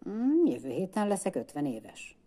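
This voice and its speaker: A woman reading the part of a calm fifty-year-old librarian, matter-of-fact and kind, in a children's story. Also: fairly low pitch, voice pushed up.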